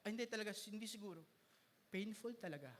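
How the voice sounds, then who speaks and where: A man's voice: sits high, animated, fast talker, a bit bright, a little hiss or hum. A man preaching a sermon as pastor, switching between Tagalog and English and joking with his congregation. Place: church hall. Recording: reverberant church hall.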